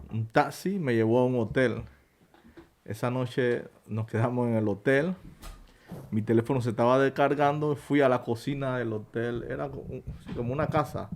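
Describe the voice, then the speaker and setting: Man telling a story with halting restarts. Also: fairly low pitch, warm tone. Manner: halting, restarts words, acts out quoted speech. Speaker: guest. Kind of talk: personal story told in interview.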